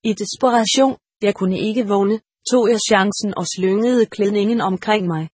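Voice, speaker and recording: A woman reading a first-person story aloud in a measured, steady audiobook narration. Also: medium pitch, husky, no room sound, studio quality.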